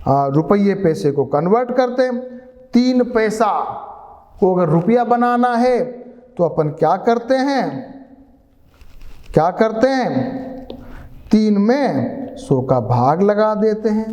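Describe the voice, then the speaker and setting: Slow, patient high-voiced male maths teacher. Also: big pitch swings, warm tone, big-room sound. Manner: patient, coaxing, asks pupils questions. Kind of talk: classroom lesson.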